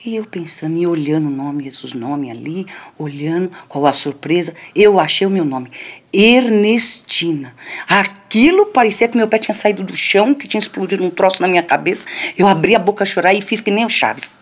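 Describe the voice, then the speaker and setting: An older woman with a fairly low voice tells a story from her own life. Her delivery is conversational, full of small tag questions, and she often turns to address the people listening. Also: normal speed. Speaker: storyteller recounting a childhood memory. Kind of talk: personal storytelling. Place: community center.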